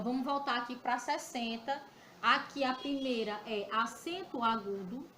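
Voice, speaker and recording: Brazilian woman teacher, slightly high bright voice, patient, checks understanding often, roomy recording with faint hiss. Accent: Brazilian Portuguese. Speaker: primary school teacher. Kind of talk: recorded grammar lesson. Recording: echoey room with faint background noise.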